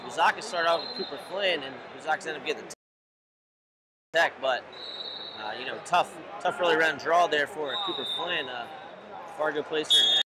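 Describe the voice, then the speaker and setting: Man calling a wrestling match. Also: on the high side. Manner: steady, informative play-by-play. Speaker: wrestling commentator. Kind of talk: play-by-play commentary. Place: large indoor sports hall. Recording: arena noise behind. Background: crowd and arena noise.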